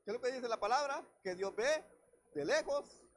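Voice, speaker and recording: A man's voice: very high-pitched, expressive, moderate pace. A man preaching a sermon as pastor at a church service, reading scripture aloud and speaking directly to the congregation. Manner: preaches directly to the congregation, often calling out "hermano"; reads scripture aloud and then explains it.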